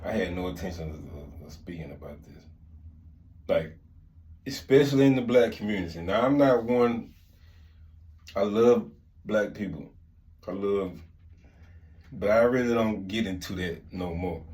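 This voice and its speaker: A man's voice: fairly low pitch, lively intonation, a little slow, long pauses, a little mellow. A middle-aged man, telling stories casually in rambling, repetitive, slangy talk. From Mississippi, United States. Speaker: vlog host and storyteller. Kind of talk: casual storytelling chat.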